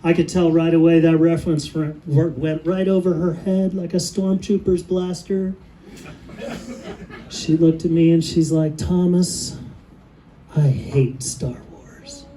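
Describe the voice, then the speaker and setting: Middle-aged man doing stand-up, dry unhurried delivery, warm low-key tone, faint room hum behind. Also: little pitch movement, poor audio. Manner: dry storytelling with pauses for laughs. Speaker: stand-up comedian. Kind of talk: stand-up comedy set. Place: comedy stage with a live audience.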